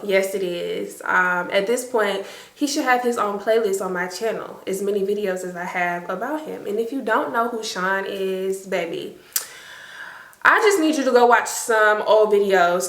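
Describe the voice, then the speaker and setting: A woman's voice: medium pitch, fairly bright tone, reverberant, rough recording. A woman in her late twenties telling a storytime to her viewers in casual chat, chatty and emphatic. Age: late 20s.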